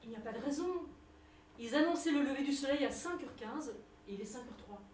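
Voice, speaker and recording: A down-to-earth, reassuring young mother played by a stage actress speaks in a high, conversational voice. The room is echoey and she sounds far from the mic. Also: lively intonation, brisk, darkish tone. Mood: reassuring, matter-of-fact. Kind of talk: stage play performance. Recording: echoey room, distant mic, faint noise.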